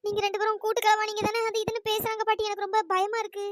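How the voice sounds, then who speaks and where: A woman's voice: very high-pitched, level tone, rapid-fire. A woman doing a timid, pleading young niece. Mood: fearful. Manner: pleading, fearful, apologetic.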